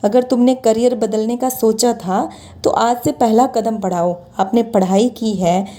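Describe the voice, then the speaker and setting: A woman's voice: a little high, fairly even intonation, measured pace, mellow. A woman in her thirties giving a motivational talk, earnestly urging her listeners on. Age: 30s. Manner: earnest, exhorting. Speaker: motivational speaker. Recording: music behind the voice. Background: background music.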